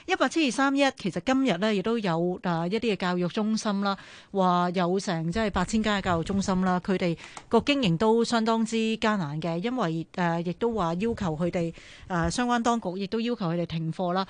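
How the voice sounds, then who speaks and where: A Hong Kong woman hosts a radio call-in show in a mid-range voice, steady and measured as she recaps and asks questions. Her voice is close and dry, with no room sound. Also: medium pitch, no echo. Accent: Hong Kong Cantonese. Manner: measured, sums up callers' points. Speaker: radio talk show host. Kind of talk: phone-in show hosting.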